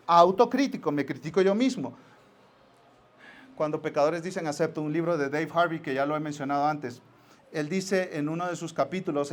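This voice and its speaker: A man preaching a sermon as pastor, telling stories and acting out little scenes as he goes. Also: high-pitched. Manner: lively storytelling with acted-out asides.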